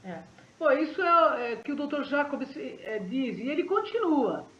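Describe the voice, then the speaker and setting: A man's voice: very high-pitched, big pitch swings, measured pace, fairly bright tone. A man co-hosting a paranormal talk show, speaking conversationally with fillers and small restarts. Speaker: co-host. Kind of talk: casual talk-show commentary. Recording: dull, roomy recording.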